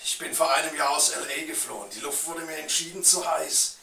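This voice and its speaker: A man's voice: a little high, a little fast, vocal fry, sharp tone. A man playing a paranoid, gun-loving private detective in an amateur noir short, melodramatic and given to bellowing. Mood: weary, resigned. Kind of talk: amateur film noir acting. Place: living room, indoors. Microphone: camera mic at a distance. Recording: echoey room, distant mic, noisy.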